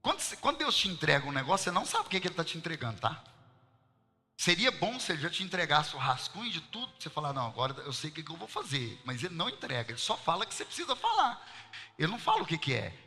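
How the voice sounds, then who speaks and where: A man's voice: on the high side, huge pitch swings, racing, bright, forceful tone, big-room sound. A man with a Minas Gerais accent preaching in church, telling a personal story and asking his congregation questions. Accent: Mineiro (Minas Gerais) Portuguese. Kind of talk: sermon told as a personal story.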